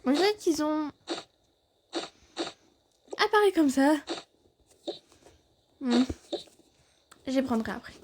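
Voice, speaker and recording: A woman's voice: high voice, animated, slow, pauses often, a little hiss or hum. A woman voicing several family characters in a home-made fan drama, shifting her voice between the parts as they banter.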